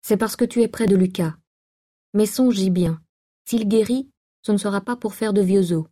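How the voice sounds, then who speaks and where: A woman reading aloud and voicing a desperate, jealous young man in a low, somber voice. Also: moderate pace, warm tone, natural voice. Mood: threatening.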